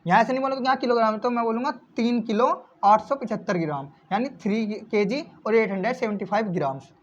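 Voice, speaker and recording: A man's voice: high-pitched, quick pace. A male maths teacher explaining step by step, asking questions and answering them himself, repeating key points and calling his viewers friends. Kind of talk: classroom-style maths explanation. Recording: slightly dull lo-fi recording.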